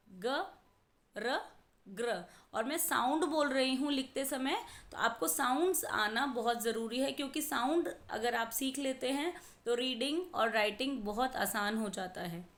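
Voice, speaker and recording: A woman teaching a worksheet lesson to young children, gently instructive, slowly sounding out letters and blends. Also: a little high.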